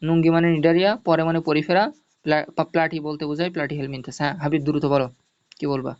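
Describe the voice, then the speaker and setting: A man's voice: fairly high pitch, flat delivery, racing, darkish tone. A male teacher gives an online zoology lesson, explaining step by step, repeating mnemonics and checking that students follow. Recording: dull lo-fi audio.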